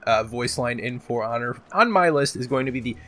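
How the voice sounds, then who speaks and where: With a medium-pitched voice, lively intonation and a brisk pace, a man with a sore throat hosts a gaming video. His countdown commentary is unscripted, casual and rambling, dotted with swearing and slang, and loud music sits behind it.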